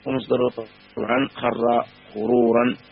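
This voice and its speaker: A man teaching a classical grammar lesson, measured and patient, repeating and spelling out word forms slowly. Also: medium pitch, flat delivery, slightly rough. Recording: dull lo-fi recording with faint hum.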